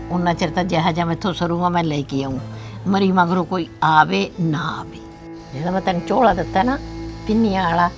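A woman playing a frail, gentle elderly village mother with a Punjabi accent, consoling her daughter. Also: fairly low pitch, lightly acted. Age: older. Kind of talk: village drama acting.

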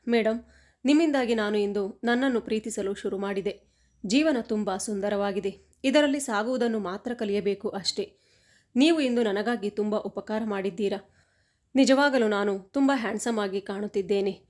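A woman's voice: medium pitch, moderate pace, darkish tone, lightly acted. Woman reading as a polite young village servant. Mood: grateful.

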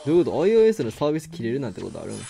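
A man with a Kansai accent giving excitable live commentary on his own game, exclaiming and laughing often. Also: mid-range voice, rapid-fire, vocal fry. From Kansai, Japan. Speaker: game streamer.

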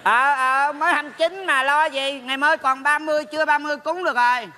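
A man's voice: very high-pitched, steady tone, pushed and bright, a faint crowd, slight background noise, full character voice. A man putting on a nagging old mother's ghost. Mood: fussing. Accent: Southern Vietnamese. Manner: slow, drawn-out scolding. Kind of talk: stage comedy sketch.

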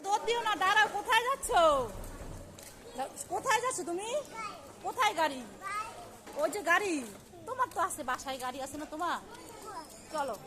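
A woman's voice: extremely high pitch, expressive, a little fast, pauses often, background noise. A woman in a playful family vlog, talking to a small child in a doting, sing-song way. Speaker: family vlogger. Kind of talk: playful family vlog with play-acted voices.

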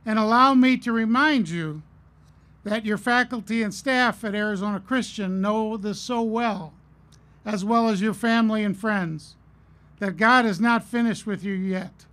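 A middle-aged man giving a commencement address at a podium, earnest and measured, telling stories with pauses. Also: high voice, fairly bright tone. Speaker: commencement speaker. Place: outdoor stage at a podium. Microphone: podium mic on a stand.

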